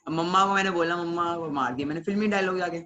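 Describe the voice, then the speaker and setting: A man's voice: high voice, quick pace, sharp tone, dull audio. A young man tells a motivational story at a webinar. He talks with animation and often puts questions to his audience. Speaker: webinar speaker.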